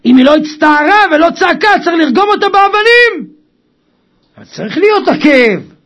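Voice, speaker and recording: A man preaching a Torah sermon with passion, swinging from quiet talk to loud cries. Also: extremely high pitch, very animated. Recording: dull lo-fi recording.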